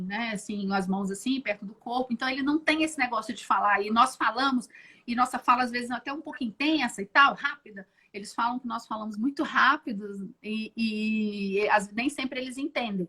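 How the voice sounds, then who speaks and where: A Brazilian woman with a Brazilian accent, guest on a live video call, chatting and telling stories with many restarts. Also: on the high side. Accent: Brazilian Portuguese. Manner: chatty, many restarts and fillers, lively storytelling. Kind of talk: casual interview chat.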